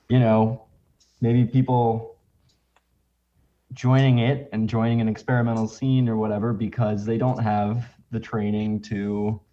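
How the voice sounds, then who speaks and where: Hesitant low-voiced man on muffled audio. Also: dark tone. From United States. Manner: hesitant, searching for words, laughs nervously. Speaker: record label co-founder, guest. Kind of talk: casual podcast interview.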